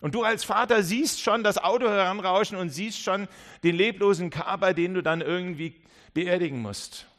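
A man preaching a sermon. His voice sits a little high. He delivers with drama, rising to urgent warnings and dropping to hushed, low asides. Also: moderate pace. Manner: dramatic, acts out voices in dialogue.

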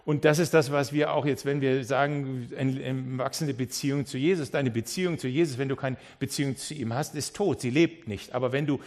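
A man preaching a sermon as a pastor, telling the story in a lively way, often restarting and repeating words as he goes. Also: medium pitch, fairly quick, hardly any pauses. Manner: lively storytelling that acts out the characters.

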